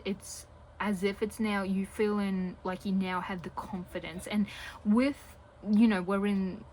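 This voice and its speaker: A woman giving a casual general tarot reading to her viewers, chatty and rambling, drifting now and then into soft whispers. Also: medium pitch, a little hiss or hum, rough recording. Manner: chatty and rambling, talks a lot. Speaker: tarot reader.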